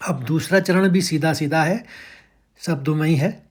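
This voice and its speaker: A man teaching how to recite verses, patiently breaking words into syllables and chanting each line slowly and drawn out. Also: on the high side. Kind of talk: step-by-step chant lesson.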